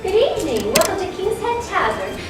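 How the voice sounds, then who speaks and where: A woman playing a kindly, welcoming older innkeeper in a 1940s-style radio play, with folksy, drawn-out lines. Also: very high voice, big pitch swings. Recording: echoey, distant, loud music behind.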